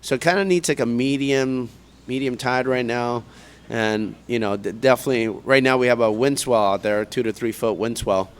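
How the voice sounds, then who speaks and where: Laid-back surfer dude calling a live surf heat, mid-pitched man, slangy. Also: normal speed. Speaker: live surf contest announcer. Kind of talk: live sports commentary.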